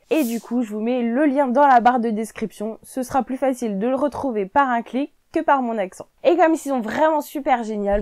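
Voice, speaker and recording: A woman's voice: on the high side, dark tone, no room sound. A woman hosting a casual sewing vlog, chatty and friendly, often dropping "franchement" into her talk. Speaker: sewing YouTuber.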